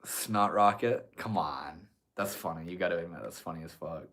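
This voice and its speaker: A deep-voiced young man with a stuffy nose talks at normal speed, his tone fairly bright. Reading his livestream chat, he chats casually with viewers and swears often, staying relaxed.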